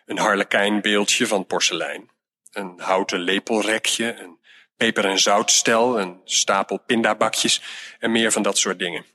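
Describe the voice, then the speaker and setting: A man calmly reading a children's storybook aloud in an even narrating voice. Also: fairly low pitch.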